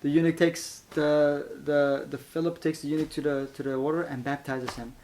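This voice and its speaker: A man from Iran giving an animated, casual spoken testimony, laughing often and stumbling over repeated words. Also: on the high side, moderate pace. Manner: animated, laughs often, acts out voices in quotes.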